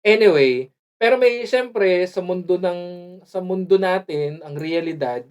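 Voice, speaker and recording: A mid-pitched co-host chatting loosely on a podcast. They laugh often, slip English into their sentences and trail off while looking for the right word. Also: measured pace, darkish tone. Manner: laughs often, mixes English into Tagalog, searches for words. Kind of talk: casual chat.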